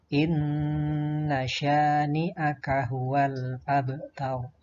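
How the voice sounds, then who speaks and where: A man teaching young children to recite verses, chanting each line slowly and then explaining the pronunciation patiently. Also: medium pitch, a little mellow, highs cut off, a little hiss or hum. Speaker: primary school religion teacher. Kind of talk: slow recitation lesson for children.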